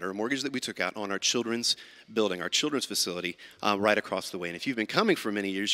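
A man leads a church service as pastor, talking casually and stumbling over his words with fillers and restarts. His voice is bright and forward, and it rings through a large church sanctuary with a long reverb, as heard on a livestream. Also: on the low side. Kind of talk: church announcements and prayer.

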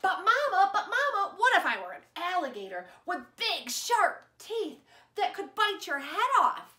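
An eager little child, as a woman reading a storybook puts the voice on, pressing one question after another. The voice sits high and bright and leaps around with excitement. It rings out in a roomy, echoing space. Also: measured pace, full character voice. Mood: eager pleading. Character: small child, eager and pleading. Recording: roomy echo.

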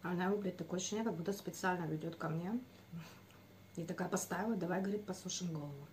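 A woman's voice: lowish voice, fast, a little mellow, a little hiss or hum. A young woman chatting casually and bluntly, with food in her mouth. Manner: blunt, swears freely. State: mouth partly full. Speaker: vlogger. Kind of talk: casual mukbang chat.

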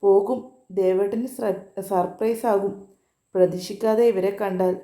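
A pampered young college woman who pouts and answers irritably, read by a woman telling a story. Her voice is very dark and mellow, heard in a roomy, echoing space. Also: mid-range voice, fairly even intonation, unhurried, lightly acted. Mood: sulky. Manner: pouting, irritable. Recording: roomy echo.

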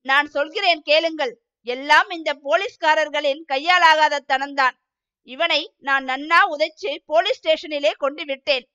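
A woman's voice: high voice, fairly even intonation, moderate pace, pushed and bright, muffled recording. A woman voicing a boastful older male temple clerk who begs and sobs for his life, in a storybook reading. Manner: pleading, sobbing.

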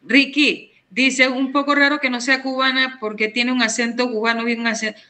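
A woman's voice: a little high, fairly even intonation, moderate pace, sharp tone. A woman co-hosting a casual live stream, reading viewers' comments and laughing often. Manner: laughs often, plays with a put-on Cuban voice and English.

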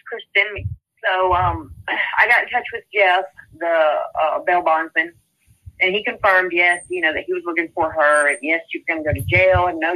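A woman's voice: on the low side, bright, forceful tone, poor audio. A middle-aged woman, a mother telling her story in an interview, rambling and often repeating "you know" and "I said.". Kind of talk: casual storytelling.

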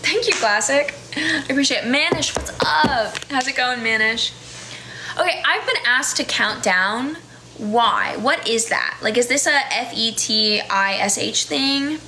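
Recorded close up on a phone camera in a small room, this American livestream host in her 20s chats casually, laughing often and using fillers as she reads comments from viewers. She speaks a little slowly in a fairly high, lively voice with a standard General American accent, and there's background noise.

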